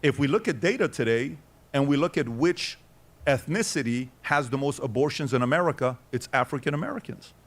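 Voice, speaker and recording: A middle-aged man speaks in an ordinary mid-pitched voice, telling a story in casual conversation. He is blunt and argumentative. He hammers his points home with emphasis. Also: lively intonation, brisk. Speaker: guest storyteller. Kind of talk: casual chat.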